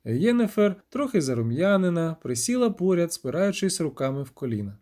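A man narrating a fantasy audiobook in a dramatic, expressive reading. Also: on the high side, a little fast. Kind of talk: scripted narration.

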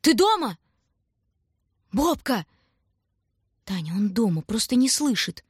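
A woman's voice: medium pitch, animated, normal speed, husky, no echo, clean studio sound. A woman voicing an anxious young boy who insists he is not afraid, in an audiobook. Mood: calling out. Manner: insistent, uneasy. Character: anxious young boy, trying to sound brave. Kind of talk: audiobook character voice.

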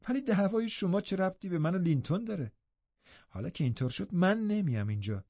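A man voicing an eager, lively teenage girl in an audiobook, with a high girlish put-on voice and an excited, chattering manner. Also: no room sound. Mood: indignant. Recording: dull, dry audiobook recording.

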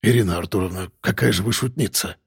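A male narrator voicing a timid, fawning middle-aged official who speaks nervously and slowly. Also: fairly low pitch, gravelly, breathy edge, no echo, studio quality, voice pushed down, full character voice. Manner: nervous, ingratiating, slow.

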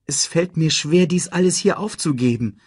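A man's voice: on the high side, moderate pace, breathy edge, dry recording, clean studio sound, voice pushed up. A man voicing a young male lion who is carefree yet troubled, in a storybook audiobook. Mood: pained.

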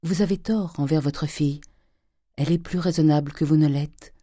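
A woman reading aloud voicing a suffering older wife and mother who pleads softly and slowly with her husband. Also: sits low, steady tone, dry recording, studio quality. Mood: imploring. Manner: soft, pleading, slow.

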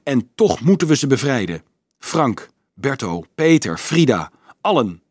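Casting: determined teen boy, low, brooding, firm, read by a man; dry, close audiobook sound. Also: very animated, unhurried, husky, dry recording. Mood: stubborn. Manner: low, stubborn, thoughtful. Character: stubborn, brooding teenage boy with a plan.

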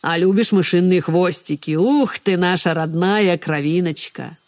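A woman's voice: lowish voice, unhurried, a little mellow, natural voice. A crafty mother owl, a sly burglar at heart, as a woman reading a storybook puts her on. She peppers her talk with little hoots. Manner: hooting "ukh" interjections, sly.

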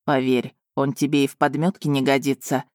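A woman voicing a charming, teasing young male duke in a lowered, gentle voice. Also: level tone, fairly quick, no echo, studio quality. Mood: coaxing.

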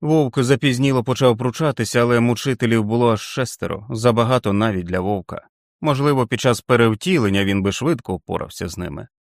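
A man narrating an audiobook in a steady, dramatic reading. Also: mid-range voice, brisk, creaky, no echo, clean studio sound.

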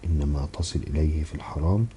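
A devout young man answers quietly and evenly, as a male narrator plays him. His voice is low and dark, with a mellow, unhurried delivery and soft conviction. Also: a little hiss or hum. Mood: calm. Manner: calm and measured. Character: calm, pious young man.

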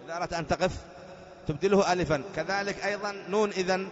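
A man teaching a grammar lesson, explaining patiently, quizzing students with rhetorical questions, and chanting the text slowly when reading it aloud. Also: sits high. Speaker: sheikh teaching Arabic grammar. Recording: dull lo-fi lecture recording in a reverberant hall.

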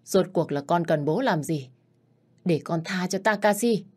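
A woman's voice: lowish voice, a little slow, a little mellow. Woman narrator doing an older male crime boss, stern and commanding.

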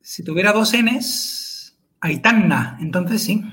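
A man's voice: high-pitched, lively intonation, unhurried, fairly bright tone. A man, co-hosting a podcast chat and explaining pronunciation carefully, syllable by syllable. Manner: careful and methodical, spells out syllables.

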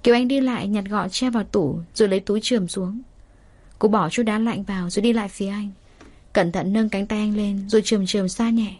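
A woman's voice: medium pitch, a little fast, a little mellow. Woman narrating a romance story.

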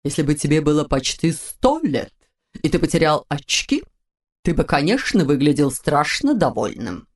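A woman voicing a grumpy male stork nearly a hundred years old, who talks slowly and gruffly. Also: sits low, big pitch swings, pitched below the performer's own voice. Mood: grumbling.

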